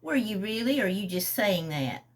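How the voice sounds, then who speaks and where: A woman's voice: medium pitch, very animated, moderate pace. A woman reading a novel aloud, voicing a playful, slightly tipsy young woman who sounds buoyant and teasing.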